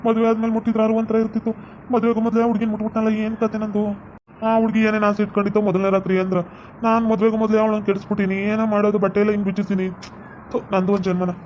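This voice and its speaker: A woman's voice: mid-range voice, little pitch movement, very fast, a little mellow, dull audio, slight background noise, voice pushed down, lightly acted. A woman voicing a guilt-ridden man who mutters regretfully to himself. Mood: remorseful. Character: guilt-ridden man, fiancé of the young bride.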